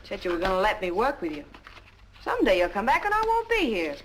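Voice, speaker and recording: Pouting young woman, lively high voice, old film hiss. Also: quick pace. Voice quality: pouting, complaining. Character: neglected young woman, restless and sharp-tongued. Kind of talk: 1940s film acting.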